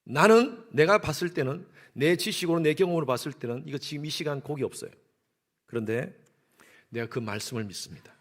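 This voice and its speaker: A pastor preaching in a church sanctuary, his voice sitting a little high for a man. He preaches with animated energy. He swings between ringing exclamations and quiet, low asides. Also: brisk. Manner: animated preaching, acting out little household dialogues. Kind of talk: sermon.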